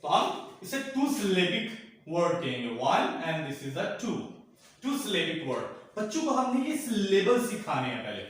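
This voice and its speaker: A man's voice: high-pitched, sing-song, slow pace, fairly bright tone, distant mic. A man training teachers in a classroom, explaining methods step by step and repeating key words. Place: classroom with a board. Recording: very echoey room, from off the mic.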